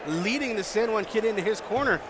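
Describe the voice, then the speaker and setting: Fast, high-voiced male lucha libre color announcer. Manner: animated, explains and reacts to the action. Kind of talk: live wrestling color commentary. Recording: noisy arena crowd behind commentary. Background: wrestling crowd and ring slams.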